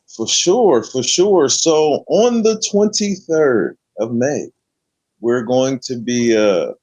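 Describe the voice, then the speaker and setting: A man's voice: mid-range voice, lively intonation, slow, a little mellow, no echo. Laid-back slangy man hosting a chat. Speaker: host. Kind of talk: casual late-night chat.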